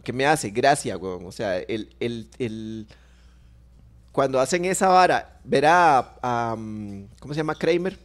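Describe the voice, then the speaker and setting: A man's voice: medium pitch, lively intonation, unhurried. Costa Rican man telling a story casually. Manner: storytelling, rambling with restarts and sound effects. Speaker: podcast co-host. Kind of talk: casual chat.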